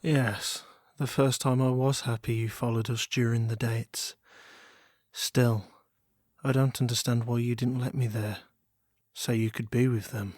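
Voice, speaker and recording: A man's voice: mid-range voice, level tone, unhurried, a little mellow, no room sound, clean studio sound, lightly acted. A man playing a wealthy, self-controlled yandere lover, jealous yet restrained, speaking formally in a dramatic audio role-play. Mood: restrained devotion. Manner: yandere, composed, formal, wounded devotion.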